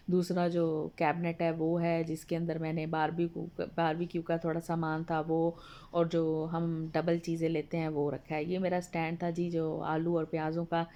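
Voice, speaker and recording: Low, flat-voiced woman, slightly hoarse. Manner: chatty and homely, addresses viewers politely. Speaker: home vlogger. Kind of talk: casual voice-over narration of a home video. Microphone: voice-over recorded apart from the video.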